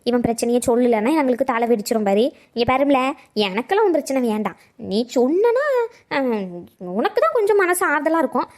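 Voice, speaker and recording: A woman's voice: high-pitched, lively intonation, a little fast. A woman voicing a scheming, theatrical old grandmother in a cartoon comedy. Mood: scolding. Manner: dramatic, theatrical scolding.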